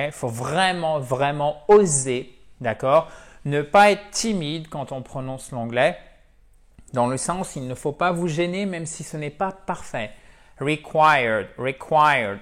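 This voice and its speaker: Slow-talking French teacher drilling words. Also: male voice, fairly high pitch. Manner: slow, explanatory, repeats English words several times for drill. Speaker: English pronunciation teacher. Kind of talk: online lesson.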